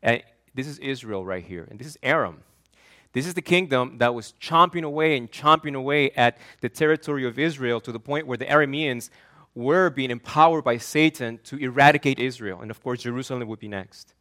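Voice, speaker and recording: A man's voice: medium pitch, a little fast, bright, forceful tone. A man from Argentina, a pastor preaching an earnest, emphatic sermon that often repeats and restarts words.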